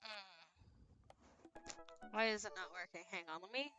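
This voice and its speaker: A woman streaming live, reading game text aloud and chatting, excitable and swearing with sudden loud outbursts over faint music. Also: medium pitch, takes it slowly.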